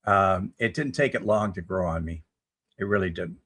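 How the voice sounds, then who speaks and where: A man's voice: deep voice, normal speed, a bit bright, slightly rough. A man in his seventies hosting a casual live chat, reading viewer comments aloud and answering them in a rambling, folksy way. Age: 70s. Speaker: livestream host answering chat.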